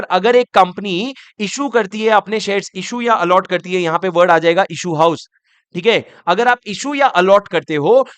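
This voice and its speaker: A young man gives a law revision lesson. His high, smooth voice sits close to the mic in a dry room. He reads the law slowly and keeps asking his students if they follow. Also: fairly bright tone, dry recording. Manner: mixes Hindi with English terms, reads the law slowly, asks students questions. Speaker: law teacher. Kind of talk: exam revision lecture.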